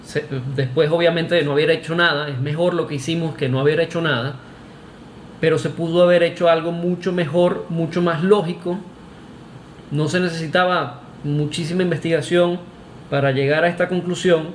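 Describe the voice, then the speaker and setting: A man's voice: on the high side, steady tone, normal speed, roomy sound, slight background noise. A Venezuelan man with a Venezuelan Spanish accent, giving an emphatic, argumentative opinion monologue to camera, with restarts and "este" fillers. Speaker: vlogger.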